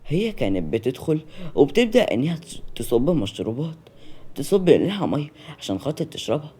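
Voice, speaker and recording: A storyteller with an Egyptian accent, reading a serialized romance novel aloud in a lively, conversational way. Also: mid-range voice, brisk, slightly rough. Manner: lively conversational narration with restarts.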